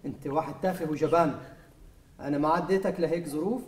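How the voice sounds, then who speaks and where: A man's voice: fairly high pitch, fast, reverberant, lightly acted. A man doing a scornful old tyrant father. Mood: contemptuous. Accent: Syrian Arabic. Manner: contemptuous, scolding. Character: stern scolding old male ex-dictator father.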